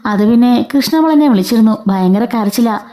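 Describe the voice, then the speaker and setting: A woman's voice: a little high, lively intonation, brisk, mellow, lightly acted. A woman voicing a caring young woman who comforts others but speaks firmly. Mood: concerned.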